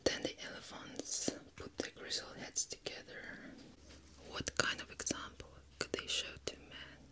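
A young woman whispers a book softly from ear to ear into a close binaural microphone, in an unhurried ASMR style. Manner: soft, unhurried, fully whispered. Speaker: ASMR host. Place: small indoor room. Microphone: close binaural microphone in a plush cover.

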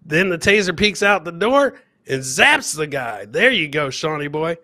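A middle-aged comedy host livestreams from a home studio by webcam, joking with viewers as he comments on clips and repeating his phrases. His bright, forceful voice sits a little high, very animated yet unhurried. The sound is close and dry, as if through a headset.

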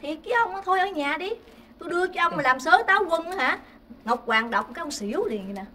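An actress playing a bossy, sharp-tongued kitchen goddess wife in a stage comedy sketch, scolding her husband in loud outbursts. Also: very high-pitched, animated, fast, recorded from a distance, a little hiss or hum, full character voice.

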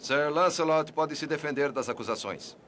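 An actor playing a stern royal court herald, making a formal, measured proclamation in a dubbed film. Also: male voice, on the high side, fairly bright tone, a little hiss or hum, close to an everyday voice. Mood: stern, official. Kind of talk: dubbed film drama acting.

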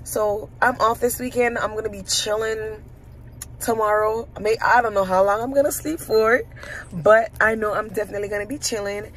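A woman's voice: medium pitch, steady tone, moderate pace, poor audio. Young adult woman, casual vlogger, talking to viewers from a car, faint road noise. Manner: chatty and informal, addresses viewers as y'all. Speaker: vlogger and new graduate nurse. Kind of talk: casual vlog chat.

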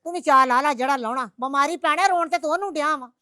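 An actress playing a sharp-tongued village mother who scolds her son with rapid-fire questions in a comedy skit. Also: high voice, dry recording, clean studio sound. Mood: scolding.

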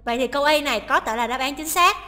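Bright, high-voiced woman teaching a listening test. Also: fast talker, in a large hall. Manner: explains each option, translating English lines aloud. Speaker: English teacher.

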